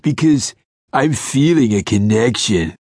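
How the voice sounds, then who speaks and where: Smug, slow-drawling barfly voiced by a male narrator; higher than his own voice, dry close studio sound. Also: lively intonation, darkish tone, no room sound. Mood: smarmy. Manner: slow smarmy drawl, pleased with himself. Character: sleazy young man hitting on a woman with pickup lines. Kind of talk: audiobook character voice.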